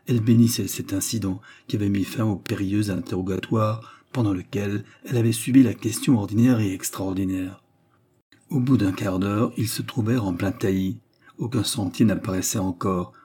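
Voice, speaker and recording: A man narrating a classic novel as an audiobook in a calm, measured reading. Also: on the low side, husky.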